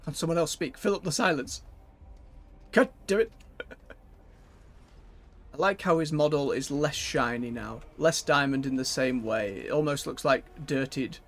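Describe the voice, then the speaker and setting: A man streaming a fantasy game, giving chatty, animated commentary with quick asides. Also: fairly high pitch, soft background music. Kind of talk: casual live-stream commentary.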